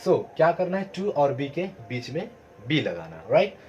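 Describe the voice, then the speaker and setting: A man's voice: on the high side, big pitch swings, unhurried, a little mellow, lo-fi sound, slight background noise. Man teaching grammar, asking questions. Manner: asks questions then answers them himself. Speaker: English teacher. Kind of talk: explaining grammar to students.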